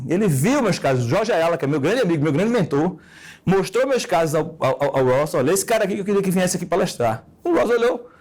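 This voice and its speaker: Fast, high-voiced brash lecturer. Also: male voice, a little mellow. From Recife, Brazil. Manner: brash, joking, slangy and emphatic. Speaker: orthodontics lecturer. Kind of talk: casual lecture with anecdotes.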